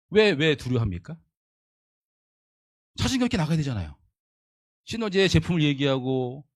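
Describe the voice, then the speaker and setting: Emphatic, lively-pitched male lecturer. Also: dry recording, clean studio sound. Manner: emphatic, repetitive, rhetorical questions. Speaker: leadership lecturer. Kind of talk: motivational lecture.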